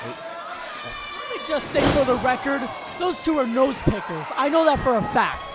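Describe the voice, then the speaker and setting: Very high-voiced male wrestler trash-talking. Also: wildly swooping pitch, a little slow, poor audio. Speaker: wrestler guesting at the broadcast table. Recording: live crowd noise behind.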